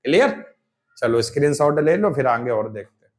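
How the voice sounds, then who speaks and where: A man's voice: medium pitch, lively intonation, moderate pace. A man teaching Hindi grammar for exam prep, sounding out examples and answering his own questions.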